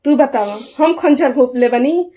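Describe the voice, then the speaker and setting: A woman's voice: high voice, unhurried, dark tone. A middle-aged woman, speaking as an aggrieved mother in a casual vlog. She talks emphatically and keeps asking those around her to back her up. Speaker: mother airing a family grievance.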